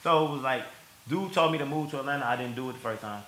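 A man's voice: mid-range voice, fast, fairly bright tone, reverberant, low-quality recording. A man telling his story in a casual interview, slangy and emotional, laughing and choking up as he talks. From Milwaukee.

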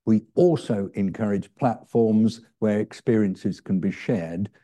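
A man giving measured, earnest, thoughtful answers as a guest speaker at a public talk. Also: fairly low pitch, mellow.

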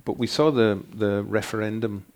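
Older guy, lowish voice, thinks aloud and restarts a lot. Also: fairly even intonation, a little mellow. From Scotland. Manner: thoughtful, halting restarts. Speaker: author guest. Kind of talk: interview answers.

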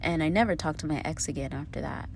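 A woman in her thirties with a low, gravelly voice, talking straight to her viewers. She tells her story candidly and casually, swearing freely. A faint hiss sits behind the recording. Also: fast. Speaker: vlogger.

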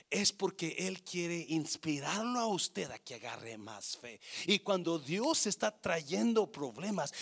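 A male pastor preaching a sermon with passion, calling out to the congregation and swinging from hushed to shouting. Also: a little high, gravelly, husky. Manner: calls out to congregation.

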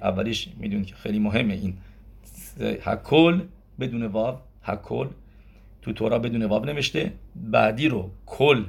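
A man's voice: mid-range voice, creaky, husky. A man teaching a religious lesson as a rabbi, explaining step by step and asking questions that he answers himself. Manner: explanatory, counts gematria aloud, asks and answers himself. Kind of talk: Torah lesson in Persian.

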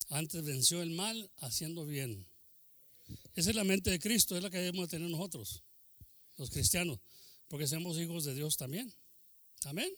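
An older man preaching a bilingual sermon, mixing Spanish and English, with frequent amens and hallelujahs and sudden drops into a soft, low voice. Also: dry recording, clean studio sound. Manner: preaches with exclamations of amen and hallelujah; switches between Spanish and English.

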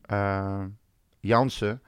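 A man's voice: lowish voice, steady tone, extremely slow, smooth, dry recording. Frank man, dry close sound. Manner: opinionated, frank. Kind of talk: casual chat.

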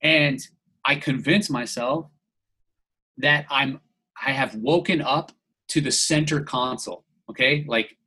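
A man's voice: mid-range voice, takes it slowly, pushed and bright, husky, rough recording. A man from the United States telling a rambling story in casual podcast chat, filling nearly every phrase with "like". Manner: rambling, heavy use of "like", restarts.

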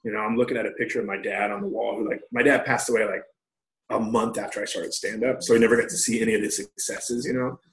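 Profane comedian telling stories in an echoey room. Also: male voice, lowish voice, steady tone, quick pace, a bit bright. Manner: loose, profane storytelling with quoted dialogue. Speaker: stand-up comedian guest. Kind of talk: casual storytelling interview. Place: room at home.

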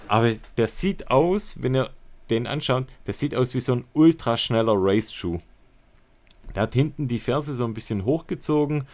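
A man with a mid-range, gravelly voice chats casually as a podcast co-host. He's enthusiastic and colloquial, dropping bits of English slang into what is a relaxed podcast conversation and product review.

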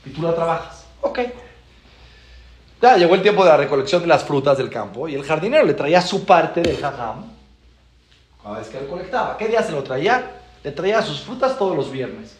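A man's voice: a little fast, reverberant. A man, a rabbi teaching a class, telling stories and acting out the dialogue. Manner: animated, acts out dialogue with shifting pitch. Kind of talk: storytelling lesson.

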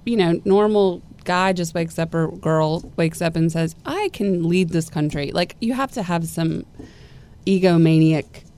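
A woman chatting casually with a co-host, animated and quick to laugh. She jumps in over her partner's lines. Her voice sits a little low for a woman. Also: a little hiss or hum. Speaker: podcast co-host. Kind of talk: casual chat.

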